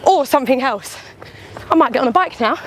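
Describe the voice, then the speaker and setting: A woman talks candidly and casually while out on a run, animated and chatty, swearing lightly and acting out little imagined quotes as she goes. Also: sits high, a little fast, a little hiss or hum. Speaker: runner and vlogger. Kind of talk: casual chatty vlog monologue.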